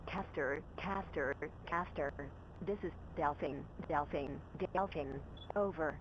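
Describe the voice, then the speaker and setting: Voice over walkie-talkie, formal radio call, repeated call signs, slow delivery. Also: medium pitch, dull audio, noisy background. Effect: VHF radio call over a handheld walkie-talkie. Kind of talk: scripted maritime radio call.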